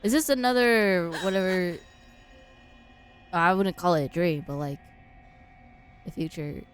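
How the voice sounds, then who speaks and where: A young woman casually reacting to and reading aloud from a story game, slangy and excitable. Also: lowish voice, measured pace, faint music behind. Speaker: gaming streamer.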